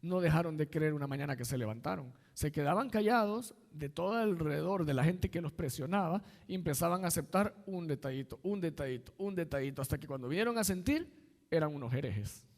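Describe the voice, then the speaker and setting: A man's voice: fairly high pitch, expressive, fairly quick, long reverb tail. A man, an assistant pastor, preaching a sermon in a conversational way and weaving in personal stories.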